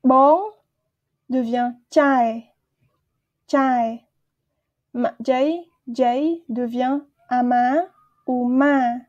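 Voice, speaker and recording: A woman with a high-pitched, somewhat mellow voice leads a slow vocabulary lesson, and the audio sounds dull. As a language teacher, she patiently says each word twice before explaining it.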